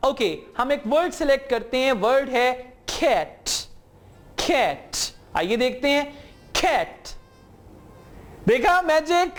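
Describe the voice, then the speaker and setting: A man teaching English pronunciation, modeling words slowly for repetition and mixing English terms into his explanations. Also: very high-pitched. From Pakistan. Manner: slow, drawn-out model words for repeating. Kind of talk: spoken English lesson with drills.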